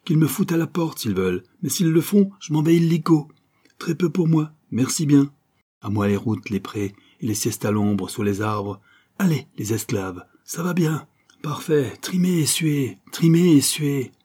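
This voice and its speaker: A man voicing a rough, hard-drinking laundry worker whose raised, excitable voice slurs and mumbles when he's drunk. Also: on the low side, unhurried. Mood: excited, rowdy. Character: rough, boozy laundry worker, lamenting and wild. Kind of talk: audiobook character voice.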